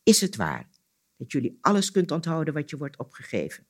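A man voicing a sly, boastful male spider trickster in a spoken folk tale, scheming and quick to anger. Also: huge pitch swings, a little mellow, heavily acted. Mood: wheedling. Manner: scheming, then shrill and furious.

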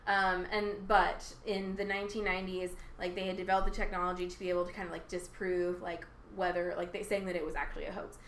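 A woman's voice: on the low side, flat delivery, fast talker, hardly any pauses, a bit bright. Rambling woman podcaster in an echoey room. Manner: rambling, many fillers, laughing asides. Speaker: podcast co-host. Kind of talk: casual chat. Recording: echoey room, faint noise.

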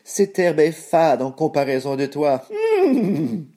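A man's voice: fairly high pitch, takes it slowly, warm tone, voice pushed up. A man doing a sly, hungry horse. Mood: tempting. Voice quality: humming, savoring.

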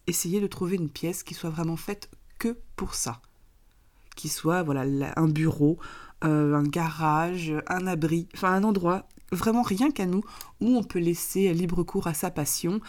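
A woman with a hoarse, raspy voice, getting over an illness, explaining practical advice step by step in a vlog. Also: lowish voice, dark tone. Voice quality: raspy, gravelly voice. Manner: didactic, step-by-step explaining with examples. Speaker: minimalism coach and author, presenter.

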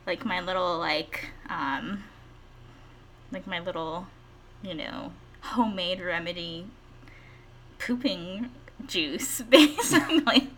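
A young woman co-hosts a casual podcast with a bright, clear voice. She rambles and giggles, and her talk is full of filler words. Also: fairly low pitch, slow, long pauses. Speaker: podcast co-host. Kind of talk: casual chat.

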